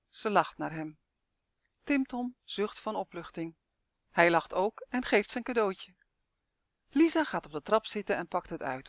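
A narrator reading a children's story aloud with expressive, dramatic delivery. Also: medium pitch, dry recording, studio quality.

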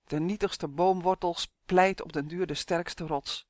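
A man's voice: high-pitched, fairly even intonation, unhurried, no echo. Brief: man playing a rustling-voiced storybook faun, stern yet dreamy, dry close mic. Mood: grave. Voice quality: rustling, soft like birch leaves. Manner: grave, dreamy. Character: stern, dreamy male forest faun, spirit of trees.

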